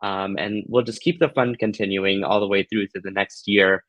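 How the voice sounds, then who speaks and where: A man's voice: fairly low pitch, fairly even intonation, normal speed, a bit bright, no echo, highs cut off. A man hosting a live craft tutorial, chatting casually to viewers in a gushing, affectionate, playful way. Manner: giggly, playful.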